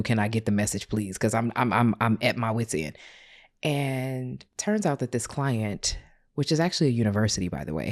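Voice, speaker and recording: A woman's voice: rumbling low, a little mellow. A woman hosting a podcast, telling a personal story in a casual, confessional way with slang, her voice cracking with emotion. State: voice cracking with tears. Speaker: podcast host.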